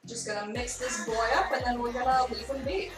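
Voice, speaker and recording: Cooking in a friend's kitchen on a live stream, a young woman talks a little fast in a higher-leaning voice with fairly even intonation, chatting away as she reads and responds to chat. The mic sits at a distance, giving a roomy, off-mic sound with faint music behind her.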